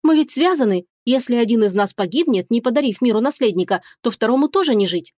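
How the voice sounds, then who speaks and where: High bright feisty princess, loud and indignant, dramatic, dry close mic, voiced by a woman. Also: animated, quick pace, no room sound. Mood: pleading. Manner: loud, exclaiming, mock-tearful. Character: feisty young human princess, indignant and theatrical. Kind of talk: audiobook character reading.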